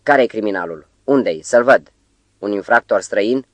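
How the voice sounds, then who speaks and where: A man's voice: on the low side, no echo, lightly acted. Man reading as a sly meddling choir conductor. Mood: mock eager.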